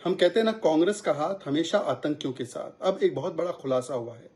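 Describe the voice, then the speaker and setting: Forceful man making an accusatory statement. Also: fairly high pitch, lively intonation, fairly quick, soft background music. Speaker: politician. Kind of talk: political statement to press.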